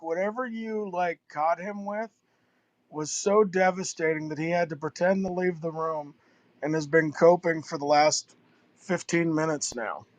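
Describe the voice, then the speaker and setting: A man's voice: fairly high pitch, dry recording. A man moderating an online debate call, blunt and mocking, his audio cutting out on a weak connection. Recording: dull, dry lo-fi call audio.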